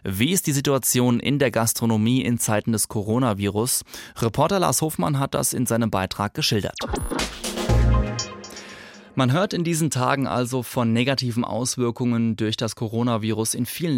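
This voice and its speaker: A male news anchor reads scripted introductions in a dry, close studio. His voice sits mid-range, with a steady, formal delivery. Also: medium pitch, no room sound.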